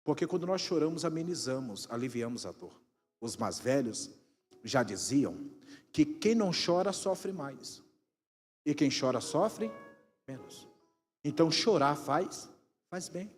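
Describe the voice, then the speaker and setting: A man with a Brazilian Portuguese accent preaches a Pentecostal sermon in a high voice, shouting his exhortations and then dropping into calm teaching. His voice rings out in a reverberant church hall. Music plays softly behind him. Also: a little slow, pauses often. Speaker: pastor. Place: church sanctuary.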